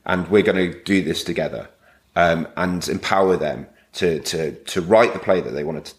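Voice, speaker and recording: A man with a deep, low voice speaks in casual interview talk. He is thoughtful and searches for his words as he goes. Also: normal speed. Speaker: theatre company director.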